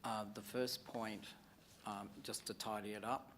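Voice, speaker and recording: Slow, halting Australian councillor, low voice. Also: male voice, level tone, a bit bright, slight background noise. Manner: halting, many fillers and restarts. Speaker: councillor moving a motion. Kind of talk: formal council meeting talk.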